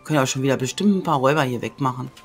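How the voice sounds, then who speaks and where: Plaudernde Let's-Play-Spielerin mit deutschem Akzent. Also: female voice, a bass voice, very fast, breathy edge. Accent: German. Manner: chatty, often drops into whispers. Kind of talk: casual gameplay commentary. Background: game music.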